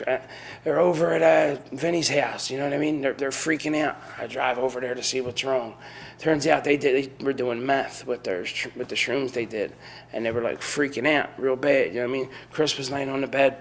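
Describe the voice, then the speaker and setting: Gravelly rambling man telling a story. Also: mid-range voice, a bit bright. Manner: rambling, repeats himself, "you know what I mean". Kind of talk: casual rant.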